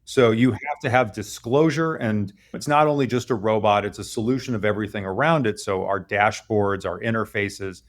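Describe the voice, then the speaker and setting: A man's voice: fairly low pitch, moderate pace, hardly any pauses. A man speaking as a guest head of product, explaining fluently and checking in with "right?". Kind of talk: interview explanation.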